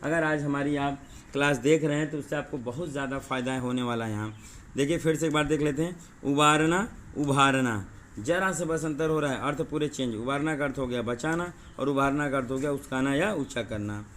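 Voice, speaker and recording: A male teacher giving an exam-prep lesson, explaining word pairs slowly and repeating them, often asking rhetorical questions. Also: medium pitch, a little hiss or hum. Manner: says 'dekhiye' and 'thik hai' often.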